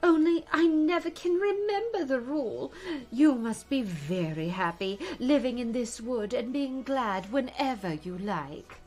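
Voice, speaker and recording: High, swooping, flighty storybook queen. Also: animated, unhurried, darkish tone. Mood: fussy. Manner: emphatic, swooping, prone to squeals. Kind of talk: theatrical storybook character voice.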